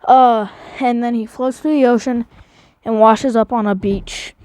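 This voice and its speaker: A woman's voice: on the high side, fairly even intonation, measured pace, warm tone, clean tone, no echo. A woman casually narrating a recap of her own animation series, rambling with many fillers and restarts.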